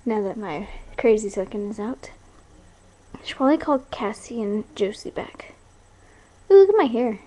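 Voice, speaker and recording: Her voice is a little high and mellow, very animated, at a moderate pace broken by long pauses. She's a young video blogger chatting casually into a webcam indoors in a small bedroom, playful and prone to tangents. The close-range webcam mic gives noisy, cheap audio.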